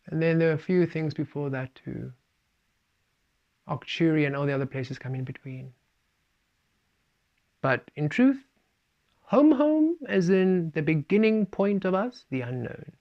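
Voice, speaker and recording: A man giving a spiritual talk, speaking of himself as "we" and shifting between playful and calm. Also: a little high, a little slow, long pauses. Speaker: spiritual teacher. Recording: dull lo-fi recording.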